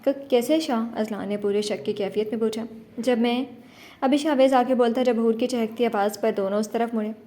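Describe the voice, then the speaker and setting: A woman narrating a romance novel as an audiobook in smooth, even storytelling. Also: fairly high pitch, hardly any pauses.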